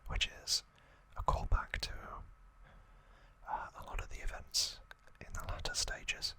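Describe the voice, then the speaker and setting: In a soft, breathy whisper, a male ASMR host goes back over some trivia, speaking in brief phrases with pauses between them.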